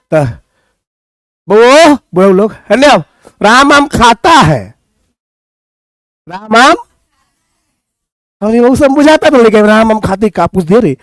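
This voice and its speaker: A man's voice: high-pitched, dry recording. A man with a Bhojpuri accent teaching English grammar to a class, playfully teasing students and reciting verse. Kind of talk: classroom teaching with poetry and banter.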